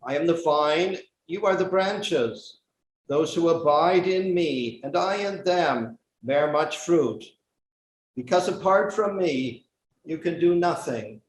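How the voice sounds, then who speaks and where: A bishop leads prayer and reads the gospel, slow and deliberate, his fairly high voice carried by a cathedral echo. Faint church ambience hums underneath the long reverberant tail of each phrase. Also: a little hiss or hum. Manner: slow, measured, solemn delivery. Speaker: bishop presiding at Mass. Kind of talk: liturgical prayer and scripture reading. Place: large church.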